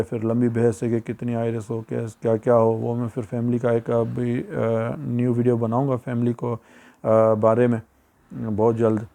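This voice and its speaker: Pakistani Urdu-accented male vlogger, gravelly and flat, chatty and advising, repeats points. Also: mid-range voice. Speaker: YouTuber giving immigration advice. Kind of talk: casual advice vlog.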